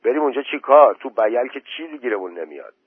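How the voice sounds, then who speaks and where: A man voicing a furtive scavenging village man who leads his companions, talking in an urgent, hushed way. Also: mid-range voice, expressive, slightly rough, no room sound. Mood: scheming. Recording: tinny phone-like recording.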